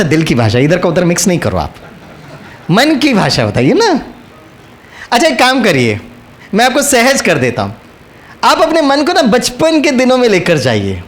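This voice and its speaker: A man giving a spiritual talk to an audience, telling stories and coaxing listeners to repeat after him. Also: sits high. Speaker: spiritual speaker.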